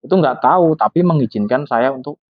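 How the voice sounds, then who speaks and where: A man's voice: mid-range voice, animated, fairly quick, no echo, lightly acted. A man doing a humble, apologetic scavenger. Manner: apologetic, pleading. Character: middle-aged male scavenger, apologetic and humble. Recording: tinny phone-like, dry.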